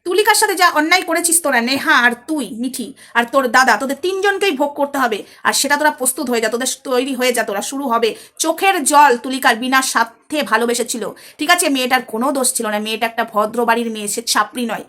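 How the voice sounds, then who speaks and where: A woman's voice: high-pitched, lively intonation, fast, bright, forceful tone. A woman talking straight to her viewers in a heated commentary vlog, scolding and angry. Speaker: social media commentator.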